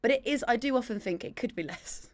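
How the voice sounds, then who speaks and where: A young woman from Leeds, a podcast guest telling stories in casual chat, animated and quick to laugh. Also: a little high. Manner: giggly, animated storyteller.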